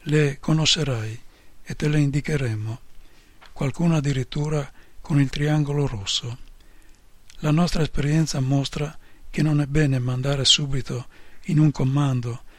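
A man calmly reading a first-person memoir aloud in a measured, even way. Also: fairly high pitch, no room sound. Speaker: narrator.

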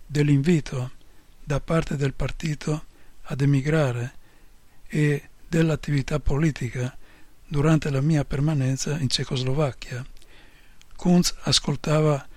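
A man calmly reading a first-person memoir aloud in a measured, even way. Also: fairly high pitch, dry recording. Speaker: narrator.

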